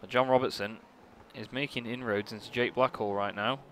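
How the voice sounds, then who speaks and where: A male commentator calls a live online sim racing event in a bright, medium-pitched voice at a fairly quick pace. He's casual and chatty, getting excitable at incidents. Racing car engines roar behind him in a noisy recording.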